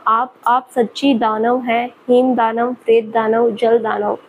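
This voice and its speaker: A sulky, spirited young student girl with a bright, higher voice , as a storybook narrator does her. She pleads, pouts and bickers in a quick, pleading way. A faint hiss runs underneath. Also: flat delivery, phone-quality sound. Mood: pouty. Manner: pleading, pouty.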